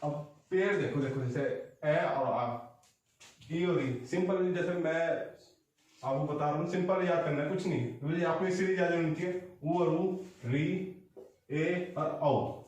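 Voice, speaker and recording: A man's voice: fairly high pitch, moderate pace, darkish tone, far from the mic. Man teaching in an echoey room. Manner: explains patiently, draws vowels out long. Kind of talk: online exam-prep lesson.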